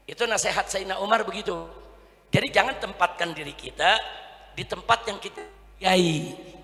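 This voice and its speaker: A man preaching a rousing sermon, calling out questions to the crowd and shouting for their answers. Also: sits high, moderate pace, big-room sound.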